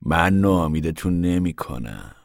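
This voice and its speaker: A man voicing a bitter, ragged older drifter who talks slowly, quietly and slyly in an audiobook reading. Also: low voice, expressive, vocal fry, no echo, studio quality. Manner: slow, quiet, drawn-out, sly.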